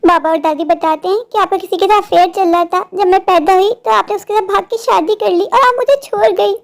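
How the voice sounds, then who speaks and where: A woman's voice: very high voice, brisk, vocal fry. A woman voicing a determined little girl who earnestly searches for her mother and keeps talking to herself, in a cartoon story. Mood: pleading. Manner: earnest, pleading, talks to herself.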